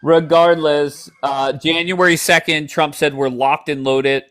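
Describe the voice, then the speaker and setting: A man's voice: on the high side, steady tone, unhurried, fairly bright tone. A man hosting a livestream call-in debate, blunt and profane, cutting in on his guests. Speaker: livestream host. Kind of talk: heated political call-in chat.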